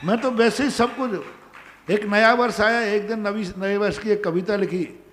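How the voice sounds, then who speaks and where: A man's voice: sits high, steady tone, normal speed, fairly bright tone, big-room sound, a little hiss or hum. A male Jain monk giving a sermon, emphatic, repeating his commands to the devotees. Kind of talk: sermon answering devotees' questions. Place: large pandal, nearly empty.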